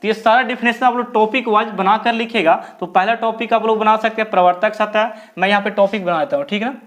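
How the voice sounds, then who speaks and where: A man with a high voice teaches physics at the board. He asks the class a question, answers it himself, and draws key terms out word by word so students can copy them down. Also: fairly even intonation, fairly bright tone. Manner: repeats key terms slowly, syllable by syllable. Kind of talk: blackboard lecture.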